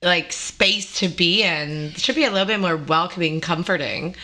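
A woman's voice: on the low side, normal speed, sharp tone, rough recording. A woman hosting a casual chat, reacting with sympathy.

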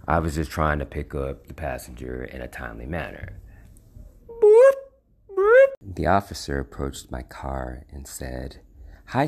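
A man from the United States hosting a podcast, telling a personal story in a measured, reflective way with a wry edge. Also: rumbling low, creaky. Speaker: podcast host. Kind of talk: scripted personal monologue.

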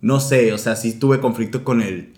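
A man from northern Mexico with a northern Mexican accent, a podcast guest chatting casually in relaxed slang. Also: mid-range voice, moderate pace, echoey room. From northern Mexico (Sonora). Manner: laid-back, slangy, laughs easily.

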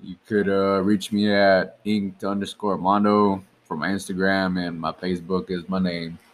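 A man's voice: low-pitched, flat delivery, normal speed. A young man co-hosting a casual podcast, laid-back and teasing. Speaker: podcast co-host.

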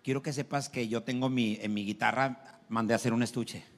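A man's voice: mid-range voice, steady tone, brisk, big-room sound. A man, a co-host joking crudely in casual banter.

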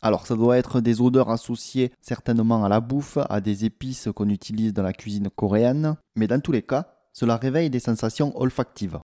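A man's voice: medium pitch, fairly quick, hardly any pauses, mellow. A man co-hosting a casual podcast, chatty and playful as he leads the conversation. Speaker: podcast co-host.

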